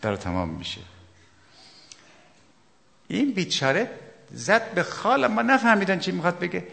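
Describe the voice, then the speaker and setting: A man preaching a sermon, emphatic, swinging between loud outbursts and hushed asides. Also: high-pitched, huge pitch swings, creaky. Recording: long hall reverb.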